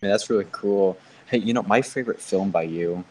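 A man's voice: fairly low pitch, brisk, far from the mic, heavy background noise. A man doing improvised comedy banter, goofy and rambling, laughing often. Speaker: comedic interviewer.

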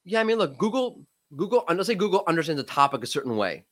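Pitched high with big swings and a slightly bright tone, this voice belongs to a man in his late thirties who has a cold that makes it crack. He's an SEO expert appearing as a podcast guest, speaking quickly and emphatically in a relaxed discussion and frequently starting his sentences over.

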